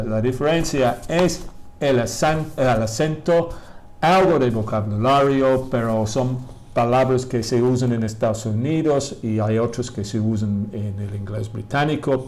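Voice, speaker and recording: Slow-male teacher. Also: medium pitch, darkish tone. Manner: slow, careful model sentences in English, then explains in Spanish; answers student questions, praises students by name. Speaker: English teacher. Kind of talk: live online English lesson in Spanish.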